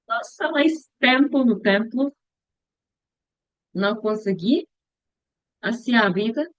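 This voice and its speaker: Direction slow, hesitant young woman vlogging. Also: medium pitch, no echo. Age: young adult. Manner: slow, hesitant, searching for words with restarts. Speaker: future missionary practicing a language. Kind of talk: casual reflective vlog monologue. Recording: dull, dry lo-fi recording.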